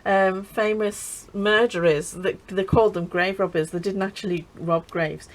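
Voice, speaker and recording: A woman's voice: mid-range voice, steady tone, measured pace, slight background noise, rough recording. Chatty, laughing woman. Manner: chatty, laughs often, trails off and restarts. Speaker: craft channel host. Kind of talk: casual crafting chat.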